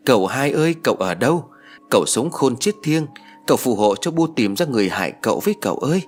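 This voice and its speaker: A man voicing a grieving middle-aged wife who wails and laments loudly. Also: medium pitch, very animated, quick pace, faint music behind, pitched above the performer's own voice. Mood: wailing. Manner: wailing, lamenting.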